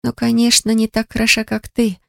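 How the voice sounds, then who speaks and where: A woman's voice: a little high, monotone, fairly quick, gravelly, no room sound, studio quality, pitched above the performer's own voice. A woman reading the part of a curious young woman teasing and prying at a friend with eager questions.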